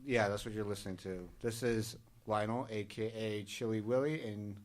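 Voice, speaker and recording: A man's voice: fairly low pitch, fairly even intonation, moderate pace. A man hosting a casual comedy podcast, loose and joking, often laughing as he talks. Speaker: podcast host.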